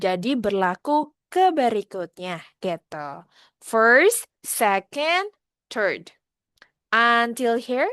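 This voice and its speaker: A woman's voice: mid-range voice, no echo. A woman with an Indonesian accent teaching English numbers in an online class, switching between Indonesian and English and drilling the words patiently. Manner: patient, slow drills, asks students to answer in chat.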